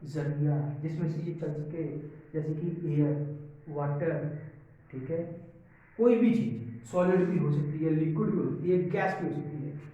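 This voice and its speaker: A man's voice: fairly high pitch, a little slow, dark tone. A man teaching a class, asking questions and answering them himself, mixing English terms into his explanation. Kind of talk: classroom lecture. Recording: echoey room, far mic, dull sound.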